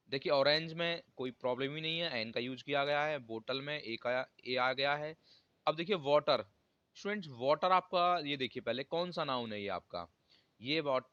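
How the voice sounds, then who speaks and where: A man teaching grammar to students, often calling on them directly and reading example sentences out slowly. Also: on the high side, bright, forceful tone, no echo, highs cut off. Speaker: English teacher. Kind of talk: classroom grammar lesson.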